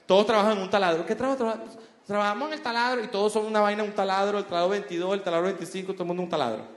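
A man doing stand-up comedy, animated and full of crude slang, acting out quotes. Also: high-pitched, very fast. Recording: roomy theater reverb with faint noise.

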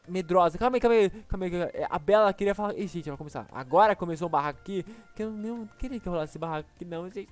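Rapid-fire Brazilian gamer man. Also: high voice. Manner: excitable, exclaiming, laughs often. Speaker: gaming YouTuber. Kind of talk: excited gameplay commentary.

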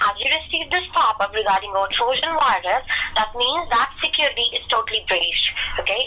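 A woman's voice: on the high side, sharp tone. A woman posing as tech support over a phone line, talking through a scripted support call with fillers and step-by-step instructions. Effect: heard over a phone line.

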